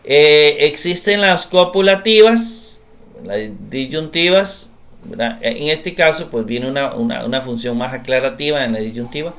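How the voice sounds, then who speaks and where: A man giving a recorded grammar class, explaining step by step, often pausing with "eh" and checking in with "¿verdad?". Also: on the high side, fairly bright tone. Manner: explanatory, repeats tag question "¿verdad?", frequent hesitations. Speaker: grammar teacher.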